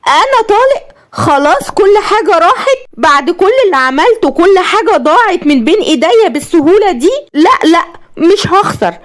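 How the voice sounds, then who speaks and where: A woman's voice: very high-pitched, expressive, fairly quick, voice pushed up. A woman voicing a scheming, greedy wife with an Egyptian accent, screaming and laughing manically. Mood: hysterical. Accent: Egyptian Arabic.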